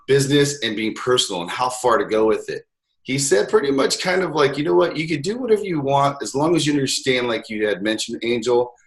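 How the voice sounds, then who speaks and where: A man's voice: medium pitch, fairly bright tone. Friendly man hosting an interview. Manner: friendly, encouraging, addresses listeners. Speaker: podcast host. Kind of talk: casual interview talk.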